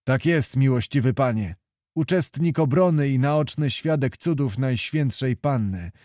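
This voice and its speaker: A man voicing a blunt, rough-mannered nobleman reporting to his king, in a read-aloud historical novel. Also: mid-range voice, unhurried, a little mellow, no echo, studio quality, natural voice. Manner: blunt, earthy.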